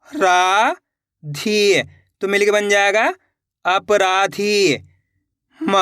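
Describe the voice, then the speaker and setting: Male tutor, unhurried syllable-by-syllable drill, crisp voice, dry close sound. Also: high voice, sharp tone, no echo. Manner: spells words slowly syllable by syllable, then repeats; addresses viewers as friends, patient and encouraging. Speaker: Hindi reading teacher. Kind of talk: online reading lesson.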